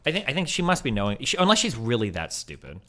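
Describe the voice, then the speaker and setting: A man's voice: mid-range voice, huge pitch swings, fast talker, bright, forceful tone. A man streaming live, reacting to a video with exasperated, profane ranting commentary. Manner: ranting, exasperated, swears a lot.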